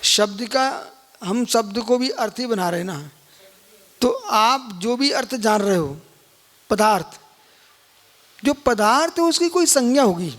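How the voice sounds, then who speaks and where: A man's voice: extremely high pitch, expressive, a little slow, pauses often, a bit bright. A man, a Jain monk, giving a live scripture lecture and keep prodding listeners with questions. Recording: long hall reverb.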